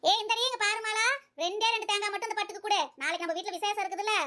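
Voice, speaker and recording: A sharp-tongued older mother-in-law from a family cartoon lectures and scolds, voiced by a woman. Her voice sits very high and rings bright, and she rattles her lines off quickly. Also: steady tone. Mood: scolding. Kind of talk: cartoon voice acting.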